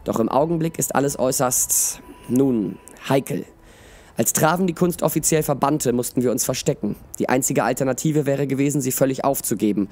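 A man voicing a calm male necromancer in a read-aloud storybook, speaking in a measured, hesitant way. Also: mid-range voice, voice pushed up, close to an everyday voice. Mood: explaining.

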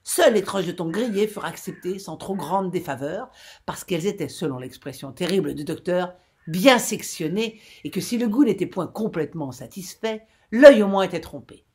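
A woman reading aloud, voicing a grave, hot-tempered old sea captain who growls and bursts into angry shouts. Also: fairly low pitch, lively intonation, moderate pace, husky. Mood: grim.

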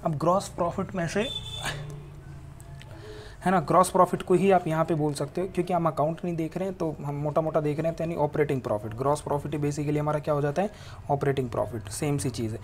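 A man's voice: a little high, steady tone, fast talker, a little hiss or hum. A male teacher giving a classroom lecture, explaining patiently step by step, mixing English terms into his explanations and asking rhetorical questions that he answers himself. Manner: asks rhetorical questions and answers them, with frequent tag questions.

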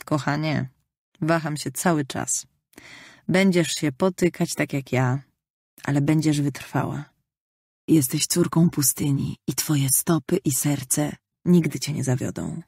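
A woman voicing a loving, gentle mother who tenderly reassures her daughter, in an audiobook reading. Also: sits low, a little slow, gravelly, breathy edge, no room sound, studio quality, full character voice. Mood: soothing.

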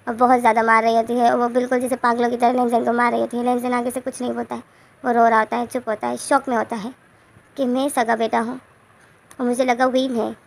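A woman's voice: a little high, level tone, fast, creaky. A woman retelling a romance story in a casual, rambling way, often correcting herself.

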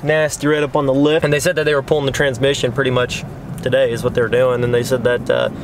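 A man's voice: mid-range voice, level tone, fast talker. A young man in casual vlog chat, talking while he drives, with many fillers like "you know". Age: young adult. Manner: rambling, filler-heavy talk with lots of "you know". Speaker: vlogger. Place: inside a car. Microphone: camera on the dashboard. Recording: loud road noise from the car.

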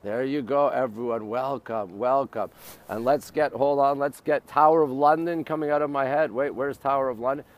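On an urban riverside in Montreal, Canada, a middle-aged host with a North American accent shows viewers the city sights on a live stream. He speaks at normal speed in a mid-range voice, using short, repeated, exclamatory bursts.

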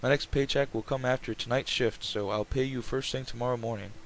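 A man's voice: medium pitch, fairly even intonation, brisk, close to an everyday voice. A man voicing a broke young woman in a visual novel game, apologetic and a little defensive. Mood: meek, apologetic. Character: broke, sarcastic young woman, aspiring calligrapher. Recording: clear background noise, game ambience.

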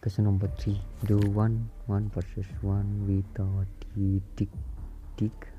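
A man's voice: lowish voice, monotone, unhurried. A teenage boy from Nepal answering viewer questions over gameplay, hesitant and searching for words. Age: teens. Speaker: gaming YouTuber. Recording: loud background music.

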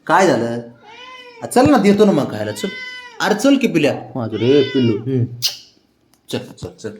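A man's voice: medium pitch, sing-song, a little slow, slight background noise. A man casually talking to his pet cats at home, coaxing them with affectionate baby talk. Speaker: pet owner vlogger.

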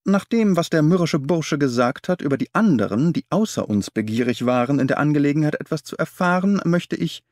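A man playing a composed, clever detective in a storybook reading. He speaks in a measured, assured way with a lively, varied melody. The sound is close and dry. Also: a little high, no echo, pitched above the performer's own voice, close to an everyday voice. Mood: calm, confident. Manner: measured, gentle, self-assured. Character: calm, clever male detective, self-assured. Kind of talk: audiobook character voice.

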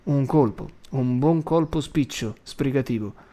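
A man reading an audiobook voices a weary former preacher who speaks softly and slowly. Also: mid-range voice, close to an everyday voice. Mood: gentle. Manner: soft, slow, subdued.

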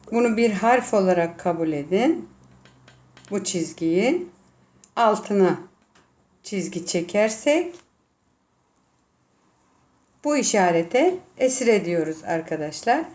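A woman teacher with a Turkish accent, slowly explaining Arabic vowel marks and sounding out letters one by one. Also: mid-range voice, expressive, darkish tone. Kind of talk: classroom lesson.

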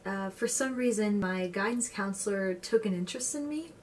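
A woman in her twenties acting a dramatic monologue as a wistful, sorrowful young woman, with a tender, halting delivery. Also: mid-range voice, close to an everyday voice. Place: plain indoor room. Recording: distant mic, faint room noise.

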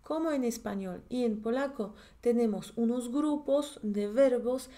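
This language teacher, a woman in her thirties with a Polish accent, has a voice on the high side with a dark tone and a measured pace. Her online grammar lesson is chatty and explanatory, peppered with "¿sí?" as she checks on the listener. The audio comes from a webcam in a corner of a screen share, at a desk in an indoor room.

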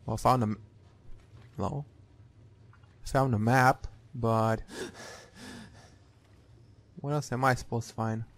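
A man's voice: medium pitch, fairly even intonation, slow, long pauses. A man giving casual, sweary playthrough commentary, reacting aloud as he plays a game. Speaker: gamer. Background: game music.

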